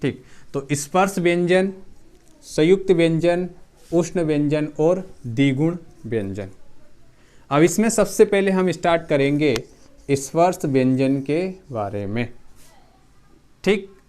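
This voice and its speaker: A man teaching an exam-prep lesson, slowly repeating each term so students can write it down. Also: fairly high pitch, lively intonation, a little mellow, clean tone.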